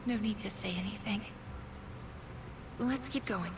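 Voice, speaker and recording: A man reading a game's dialogue, voicing a shaken young woman in a raised, quiet voice. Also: high-pitched, measured pace, creaky, noisy background, pitched above the performer's own voice. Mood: subdued.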